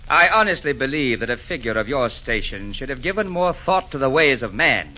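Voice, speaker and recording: Brief: an unruffled, wise Santa, bright lively voice, old lo-fi radio. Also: male voice, medium pitch, brisk. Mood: calm. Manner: unruffled, gently chiding, rhyming verse. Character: calm, wise, genial Santa Claus. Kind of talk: 1940s radio acting. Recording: dull lo-fi 1940s radio recording.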